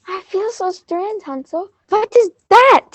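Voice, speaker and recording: A woman's voice: extremely high pitch, slow pace, background noise. A woman playing a naive, anxious little girl in a comic fairy-tale play for children.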